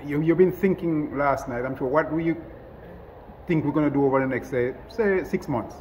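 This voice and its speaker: A man with a slightly raised pitch throws short, upbeat questions at a coach after a match. Faint noise sits behind his voice. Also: moderate pace, a little mellow, big-room sound, rough recording. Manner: brief, upbeat prompting questions. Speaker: sports show interviewer. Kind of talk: post-match interview questions.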